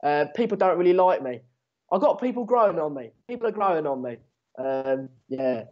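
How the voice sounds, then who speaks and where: A seventeen-year-old Englishman whose native language is Dutch chats casually and sarcastically with viewers during a football watchalong, commenting on the match in slangy, matey, sweary language. His voice is on the high side, expressive and fairly quick. The stream mic sounds dull and lo-fi.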